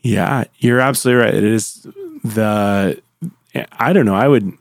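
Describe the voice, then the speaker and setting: A man hosting a church podcast in an informal chat, his voice gravelly as he gets over being sick. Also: on the low side, measured pace, no echo, clean studio sound. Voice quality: gravelly from a recent illness. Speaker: podcast host. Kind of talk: casual conversational church podcast.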